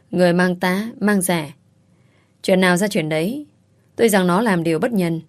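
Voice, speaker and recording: Woman narrator for an audiobook, lowish even delivery. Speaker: story narrator.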